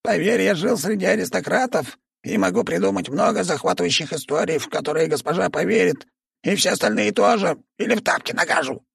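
A man's voice: sits high, animated, fairly quick, gravelly, a bit bright, slightly rough, dry recording, clean studio sound, pitched above the performer's own voice, full character voice. A man voicing a melodramatic, whiny male chihuahua werewolf who squeals in protest in an audiobook. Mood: scheming. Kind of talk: audiobook character voice.

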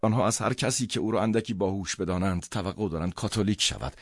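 A man reading a novel aloud as an audiobook narrator, in measured first-person storytelling. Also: fairly low pitch, dry recording.

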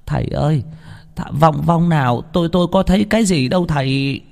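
A woman's voice: sits low, fairly quick, vocal fry, a little mellow, voice pushed up. A desperate young widow voiced by a man begs in a raised, pleading voice that stammers and trembles with tears. Her voice rises well above the storyteller's own, and a long reverb trails after every line in this spoken ghost story. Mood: bewildered.

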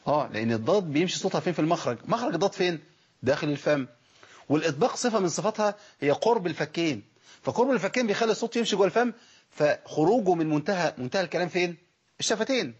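A man's voice: a little high, husky. A man with an Egyptian accent teaching Quran recitation, asking rhetorical questions and sounding out letters. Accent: Egyptian Arabic. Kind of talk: spoken recitation lesson. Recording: dull lo-fi recording.

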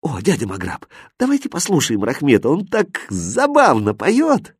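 An eager, naive boy from a fairy tale, put on by a man reading aloud. His voice jumps up high and bright with excitement. The delivery swings widely, with a dry close sound. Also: moderate pace, slightly rough, no echo. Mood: pleading.

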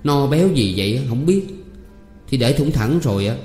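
A man with a Southern Vietnamese accent voicing a sharp-tongued young female servant, coaxing one moment and tart the next, in a storybook reading. The reading sounds like it was made in an echoey hall with faint music behind it. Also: mid-range voice, animated, moderate pace, voice pushed up, natural voice. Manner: coaxing, then tart and firm.

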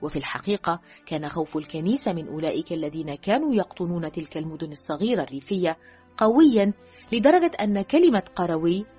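A woman reads a thriller novel aloud in a scripted narration style, her voice slightly husky and lower than most. Her reading is animated, with pitch climbing and falling and phrases sinking low and soft at their ends. The recording sounds muffled and lo-fi, with quiet music underneath. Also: fast. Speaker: audiobook narrator. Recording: dull lo-fi recording with faint music.

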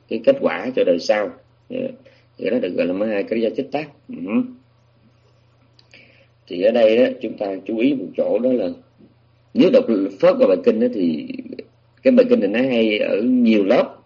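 Male dharma teacher, husky and low, talks through a sutra with restarts, dull lo-fi recording. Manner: explanatory, with many restarts and fillers. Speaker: Buddhist teacher. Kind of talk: sutra lecture.

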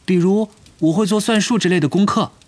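A man's voice: high voice, brisk, darkish tone, pitched above the performer's own voice. A man voicing a timid, bewildered eleven-year-old boy in an audiobook, speaking hesitantly and apologetically.

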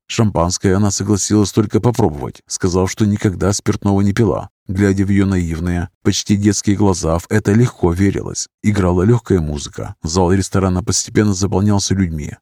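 A man narrating an audiobook in an even, measured storytelling voice. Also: sits low, dry recording, studio quality.

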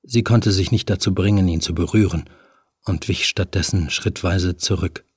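Deep-voiced guy reading a horror audiobook, slow and husky, dry close sound. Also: steady tone, darkish tone, dry recording. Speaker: audiobook narrator. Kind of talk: scripted horror audiobook narration.

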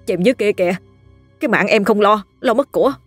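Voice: medium pitch, fast, a bit bright, husky, no room sound, clean studio sound, soft background music. A storyteller voicing a young fisherman who stammers in panic after a ghost attack. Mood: terrified.

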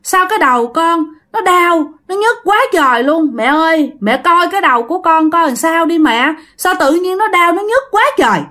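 A woman's voice: very high voice, expressive, normal speed, few pauses, sharp tone, voice pushed up, heavily acted. A woman voicing the ghost of a young man who begs his mother about his aching head, in a whimpering, repetitive way. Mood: pained pleading. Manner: whimpering, repeating complaints. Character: dead young man's ghost, in pain, pleading.

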